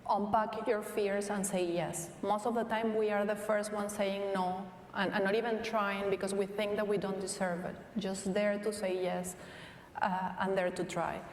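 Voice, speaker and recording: In an onstage conversation at a live event, an earnest Venezuelan-accented woman who leads technology at her company answers questions slowly and thoughtfully, frequently starting her sentences over. Her mid-range voice keeps a level tone. The large hall is echoey, she's captured from a distance, and a long reverb tail and faint hiss trail behind her.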